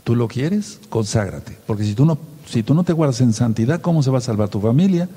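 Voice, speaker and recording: A man's voice: medium pitch, lively intonation, brisk, dark tone, slightly rough, in a large hall. A man preaching a sermon to his congregation, stressing key words and spelling some out letter by letter.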